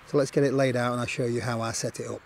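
A man in his forties calmly talking through a camping setup, step by step, in an open meadow outdoors. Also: medium pitch, very fast, vocal fry, a little hiss or hum. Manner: plain, matter-of-fact instructional talk. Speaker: outdoor gear vlogger.

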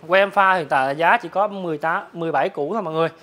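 A man, a motorbike dealer, giving a hard-sell promotional sales pitch to viewers, repeatedly rattling off prices. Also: racing, bright, forceful tone. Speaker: motorbike dealer presenting his stock. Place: large open-sided metal-roofed motorbike warehouse.

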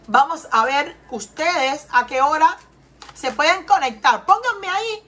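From her home in Texas, a woman from Cuba reads tarot earnestly for her viewers in a Cuban Spanish accent. Her voice sits high and is expressive, a bit bright and a little slow, and she often repeats questions and asks viewers to answer.

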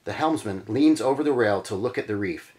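A man hosting a read-through, reading a gamebook aloud with lively, dramatic emphasis and adding casual comments. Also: lowish voice, a little fast. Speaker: channel host reading a gamebook.

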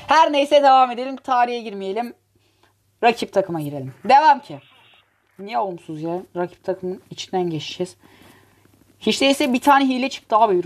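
Running her own gaming channel, this woman narrates her play in a hyped, joking way, mocking and cursing at opponents. Her voice is mid-range.

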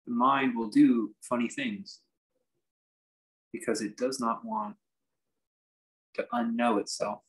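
A male meditation teacher leads a guided meditation, giving off-the-cuff instruction in measured fragments broken by reflective pauses. His voice is medium-pitched, steady and fairly bright, though the audio is poor.

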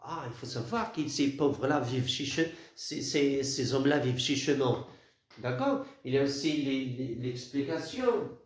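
A man teaching a literature lesson, halting and repeating words, counting syllables aloud. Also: medium pitch, lively intonation. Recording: very echoey room.

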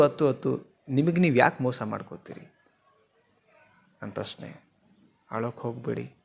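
A man with a Kannada accent gives a motivational talk straight to camera. He is earnest and keeps asking his viewers questions. His middle-pitched voice comes through a cheap, dull-sounding home mic. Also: gravelly. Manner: earnest, questions the viewer, mixes in English words. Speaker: motivational speaker. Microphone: simple mic, not professional.

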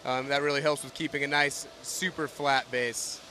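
A man who manages a factory, explaining the production steps in a steady, knowledgeable way. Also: medium pitch, moderate pace, a little hiss or hum. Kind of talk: technical explanation.

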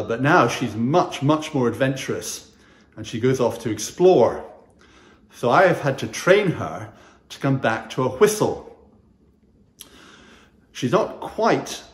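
Slow, gentle older man in a roomy chapel. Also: mid-range voice. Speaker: school chaplain. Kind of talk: chapel talk to pupils. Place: small wood-panelled chapel room, indoors. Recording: roomy echo.

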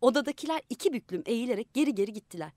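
A woman narrates a literary short story in a radio studio, her voice sitting a little higher than most. The recording is close and dry. She brings the characters to life with shifts in pitch and loudness. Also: expressive, rapid-fire, no echo. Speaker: audiobook narrator.

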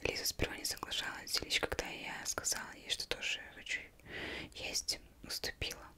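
A young woman reading a novel aloud as ASMR in a breathy, unvoiced whisper, very close, as if right in the listener's ear. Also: moderate pace, sharp tone. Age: young adult. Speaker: ASMR reader. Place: indoors, plain studio backdrop. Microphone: close microphone.

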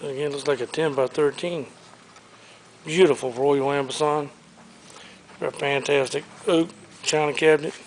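A man with a voice on the high side and fairly even intonation previews auction items, briskly listing furniture and collectibles in upbeat salesman patter as he walks through a large warehouse showroom. The handheld-camera audio is poor, with slight background noise.

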